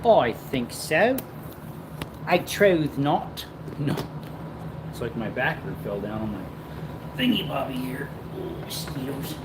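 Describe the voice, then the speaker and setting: Heavy background noise surrounds this very animated, mid-range voice, which moves slowly with long pauses. A man cooking at home on a livestream, he wanders through casual, relaxed chatter with his audience.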